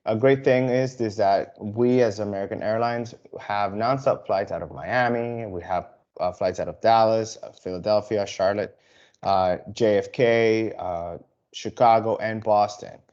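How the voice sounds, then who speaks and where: Speaking to travel advisors, a Dominican airline sales representative stumbles through a relaxed pitch full of restarts and filler words. His lowish voice stays steady and a little mellow, captured with lo-fi sound.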